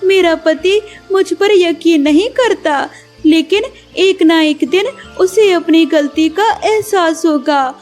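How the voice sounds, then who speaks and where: A woman voicing a gentle, humble young wife bird in a cartoon, speaking politely and caringly. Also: very high voice, slow pace, faint music behind. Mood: resolute.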